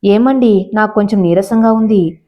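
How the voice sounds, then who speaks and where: A woman's voice: mid-range voice, moderate pace, natural voice. A woman reading as an anxious young wife. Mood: tender. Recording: slightly dull lo-fi audio.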